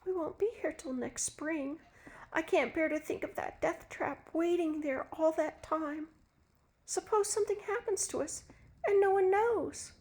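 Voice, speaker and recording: A woman's voice: very high-pitched, unhurried, a little mellow, pitched above the performer's own voice. A woman reading a story, voicing a frightened wife who pleads and gasps. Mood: pleading. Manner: pleading, gasping.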